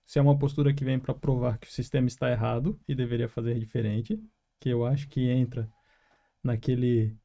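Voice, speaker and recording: A man from Florianópolis with its local accent, a therapist co-hosting a podcast, speaking in a measured, affirming way. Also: medium pitch, flat delivery, warm tone. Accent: Florianópolis Portuguese. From Florianópolis, Brazil. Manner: measured, affirming with frequent uhum. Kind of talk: reflective podcast conversation. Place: small room with three people.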